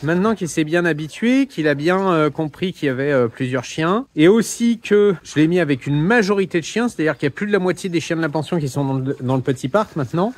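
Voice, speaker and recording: A young man who runs a dog boarding kennel, chatting playfully on a handheld phone outdoors and calling to the dogs. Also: a little high. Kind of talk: casual vlog narration. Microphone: phone held in hand.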